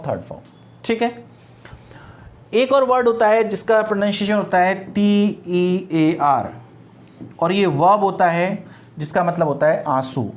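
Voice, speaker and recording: A man teaching grammar in a classroom-style lecture, explaining slowly, repeating words and spelling them letter by letter. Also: sits high, a little hiss or hum.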